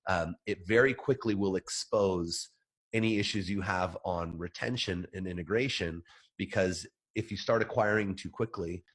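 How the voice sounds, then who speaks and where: A man hosting a podcast in casual chat, his voice nasal and stuffed up from a cold, relaxed and full of fillers. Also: low-pitched, moderate pace, breathy edge. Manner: relaxed, filler-heavy, friendly. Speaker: podcast host.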